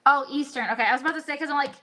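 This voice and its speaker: A woman's voice: high voice, very fast, sharp tone. A young woman from Virginia chatting casually on a livestream, rambling with many fillers and restarts. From Virginia, USA. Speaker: livestream co-host. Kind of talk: casual chat.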